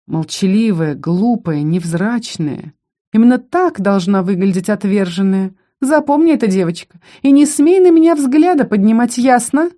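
A woman's voice: mid-range voice, lively intonation, normal speed, mellow, pitched above the performer's own voice, lightly acted. A woman voicing a haughty young female necromancer student who mocks and taunts with condescension. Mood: taunting.

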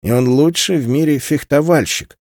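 A man voicing a bold, boastful young boy with loud outbursts, in an audiobook. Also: a little high, moderate pace, no room sound, studio quality, lightly acted. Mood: brash.

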